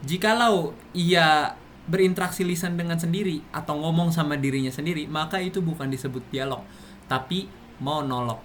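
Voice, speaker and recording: Man explaining a lesson, slightly high voice. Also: normal speed, fairly bright tone, slight background noise. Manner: explains with many fillers and restarts. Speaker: presenter. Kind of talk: classroom explanation.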